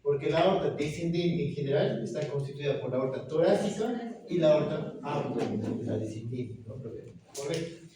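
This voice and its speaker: A man's voice: on the high side, animated, dark tone. A man teaching an anatomy class, firing questions at students and confirming their answers with "correct, very good". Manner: asks quick questions and confirms answers with "correcto, muy bien". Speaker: anatomy lecturer. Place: lecture room with students. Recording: very echoey room, distant mic, students audible. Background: students murmuring answers.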